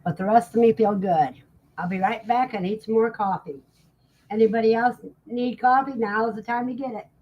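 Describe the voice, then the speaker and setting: With a fairly high pitch and a moderate pace, the woman, in her sixties, runs a relaxed, chatty livestream where she reads and replies to viewer comments. Dull lo-fi audio.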